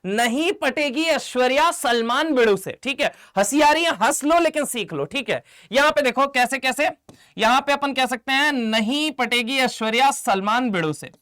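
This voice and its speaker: A chemistry teacher from India giving an online exam-prep lecture. He keeps quizzing his students, calls them 'beta' and 'mere laal', and chants memory tricks slowly. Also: extremely high pitch, expressive, sharp tone.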